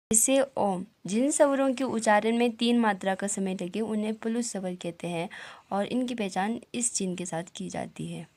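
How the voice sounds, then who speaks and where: A woman's voice: medium pitch, a little mellow. Patient woman teaching a lesson. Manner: slow, patient, spells out sounds one by one. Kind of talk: explaining a lesson.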